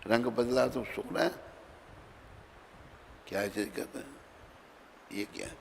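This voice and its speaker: A man preaching a sermon in Hindi, telling a story with dramatic swings between loud and soft and acting out the dialogue. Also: medium pitch, slow pace, vocal fry. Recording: reverberant hall with faint background noise.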